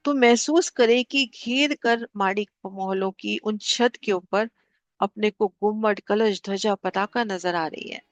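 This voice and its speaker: A woman teaching a spiritual class, calmly guiding listeners through maps and repeating key figures so they stick. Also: mid-range voice, a little slow, no echo, faint music behind. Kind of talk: devotional lesson explaining maps.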